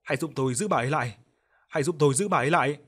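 A man's voice: on the high side, very fast, fairly bright tone, breathy edge. A male reader voices an urgent middle-aged villager in a storybook horror tale. He is insistent, pleading for help and repeating himself.

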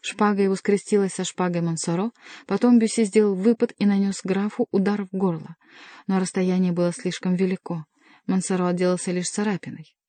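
Woman reading an audiobook, mellow darkish voice, dry close sound. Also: mid-range voice, fairly even intonation, brisk, no echo. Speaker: audiobook reader. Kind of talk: scripted narration.

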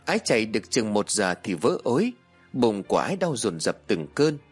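Husky male narrator for a horror tale, lively delivery, soft music underneath. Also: lowish voice, a little fast. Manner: dramatic, expressive reading. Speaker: storyteller.

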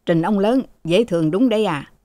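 A woman's voice: medium pitch, fairly quick, warm tone, no echo, natural voice. A woman voicing an old male servant who speaks hesitantly and deferentially.

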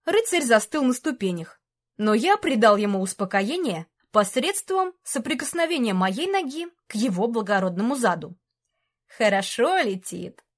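A woman reading a fantasy story aloud in an even, storytelling delivery. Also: fairly high pitch, normal speed. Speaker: narrator. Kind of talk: audiobook fantasy narration.

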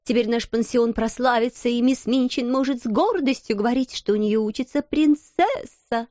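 A woman's voice: a little high, moderate pace, darkish tone, no room sound, dull audio, voice pushed up, close to an everyday voice. A woman voicing a spiteful older schoolgirl who mocks and sneers. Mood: mocking. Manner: sneering, mocking.

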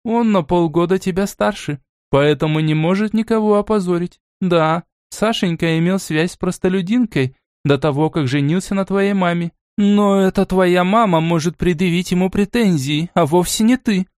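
A man voicing a stern, aristocratic old grandmother in an audiobook, speaking in a measured, cool and commanding way. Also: sits high, darkish tone, dry recording, studio quality, voice pushed up. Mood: angry.

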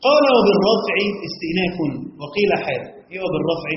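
A man with an Egyptian Arabic accent teaching a classroom lecture on Quran commentary, quizzing listeners with quick questions and reciting verses slowly. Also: sits high, lively intonation, slight background noise. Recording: echoey hall, dull lo-fi sound.

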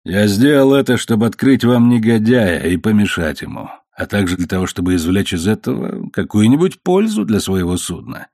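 A man's voice: on the low side, big pitch swings, moderate pace, few pauses, darkish tone, no echo, studio quality. A man voicing a sly bargaining sea captain. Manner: smooth and bargaining. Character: sly good-natured middle-aged ship captain.

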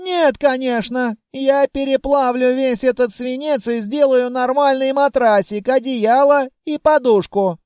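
A man voicing a timid, polite female dragon who apologizes and chatters in a high, fussy voice. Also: fairly even intonation, a little slow, few pauses, darkish tone, dry recording, studio quality. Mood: chatty.

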